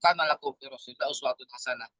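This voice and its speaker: A man preaching in an animated, slangy way with speech, firing off rhetorical questions. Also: medium pitch, very fast, no room sound. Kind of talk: sermon.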